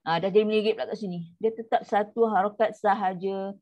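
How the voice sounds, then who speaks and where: A woman with a Malaysian Malay accent teaching an online tajwid class, stretching out the demonstration syllables between quick explanations. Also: mid-range voice, steady tone, a little mellow. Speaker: Quran recitation teacher. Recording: muffled lo-fi audio.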